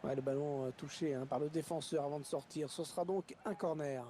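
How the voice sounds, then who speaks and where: A man's voice: fairly high pitch, steady tone, fairly quick, warm tone, natural voice. A man playing a keen football match commentator in a sports video game. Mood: measured. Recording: game audio with faint background noise.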